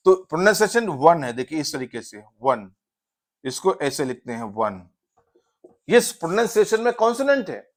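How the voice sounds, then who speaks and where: A man teaching an English grammar lesson, switching between Hindi and English, spelling words out letter by letter and answering his own questions. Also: a little high. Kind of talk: classroom-style grammar lesson.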